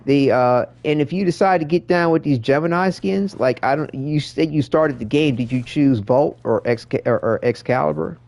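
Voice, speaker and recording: A man's voice: a little high, normal speed, vocal fry, hardly any pauses, a little mellow, no echo. A man giving casual gaming commentary in a rambling, slangy way, often repeating his words. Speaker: streamer showing a game to a viewer.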